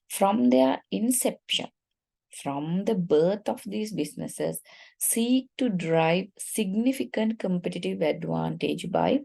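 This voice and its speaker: A woman's voice: mid-range voice, vocal fry, mellow, slightly rough. A woman giving an online university lecture, explaining patiently, repeating key phrases and checking in with her students. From Sri Lanka. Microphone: computer mic on a video call.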